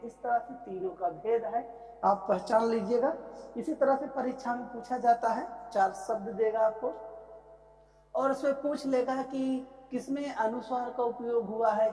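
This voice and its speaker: Woman grammar teacher, slightly high voice, stretches example words, reverberant hall. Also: darkish tone. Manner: asks questions then answers them, stretches example words slowly. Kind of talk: exam-prep grammar lecture. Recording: echoey room with long reverb.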